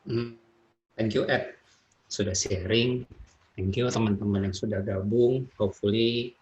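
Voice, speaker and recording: A man speaking slowly as a webinar guest, thanking everyone. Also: lowish voice, fairly even intonation, darkish tone. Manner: slow, thankful. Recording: dull, roomy, noisy line.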